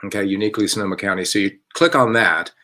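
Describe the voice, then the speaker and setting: A man with a fairly low voice hosts a relaxed online talk from home. He wanders off track, stops to correct himself and chuckles along the way. His delivery is loose and unscripted. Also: quick pace. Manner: rambling and self-correcting, with chuckles. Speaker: artistic director hosting a theater company's online chat. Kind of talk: casual live-stream chat.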